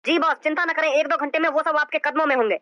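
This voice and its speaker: A woman's voice: high-pitched, steady tone, quick pace, pushed and bright, slight background noise. A woman voicing a cocky male henchman in a cartoon who coaxes his boss in a breezy way. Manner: breezy, coaxing.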